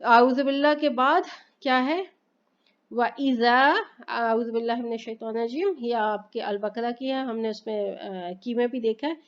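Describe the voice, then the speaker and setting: A woman teaches grammar slowly and patiently, asking questions and then answering them herself. Her voice sits fairly high, and she recites Arabic phrases with careful deliberation. The recording sounds dull and lo-fi. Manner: patient, repeats points and asks herself questions. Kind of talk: slow explanatory lesson.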